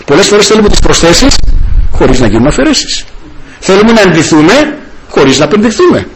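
A man's voice: very animated, a little hiss or hum, low-quality recording. A man preaching a sermon with passion, breaking into hallelujahs. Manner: impassioned, rising and falling pitch, many hallelujahs.

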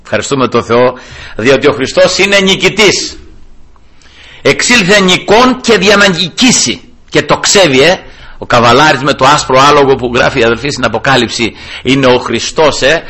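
A man's voice: mid-range voice, animated, pushed and bright. A man preaching a sermon, emphatic, often calling out to the congregation as brothers and rising sharply when he quotes scripture. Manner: addresses listeners as brothers.

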